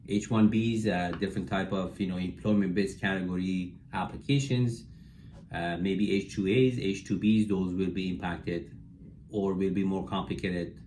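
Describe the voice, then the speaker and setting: A man working as an immigration attorney, explaining in a measured, practical way and hedging his predictions, with frequent fillers. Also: deep voice, darkish tone, a little hiss or hum. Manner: hedges his predictions as opinion. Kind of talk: explanatory talk to camera.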